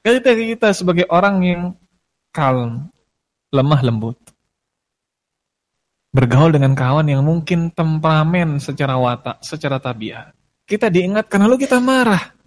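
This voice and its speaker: A man delivers a religious lecture to a room of students, his voice sitting a little high. He unpacks a verse slowly and then acts out little everyday arguments between friends to make his point. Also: sing-song. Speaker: Islamic religious teacher.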